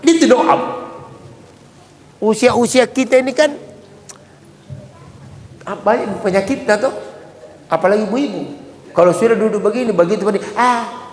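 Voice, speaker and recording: A man's voice: high-pitched, normal speed, long pauses. A man in his late fifties with a Bugis accent, giving a humorous sermon and acting out the people in his stories. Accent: Bugis-accented Indonesian. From South Sulawesi, Indonesia. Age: 50s. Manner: jokey storyteller acting out quoted voices. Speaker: preacher. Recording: roomy hall with long reverb.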